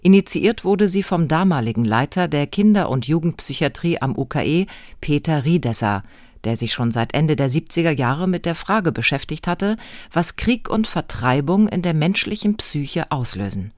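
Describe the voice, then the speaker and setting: A woman reporter narrating a scripted radio feature in an even, clear voice. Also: sits low, normal speed, dry recording, studio quality.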